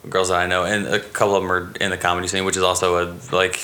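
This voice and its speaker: A man in a casual chat, talking in a halting, rambling way with plenty of swearing. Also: sits low, completely flat delivery, sharp tone, slight background noise. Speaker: comedian.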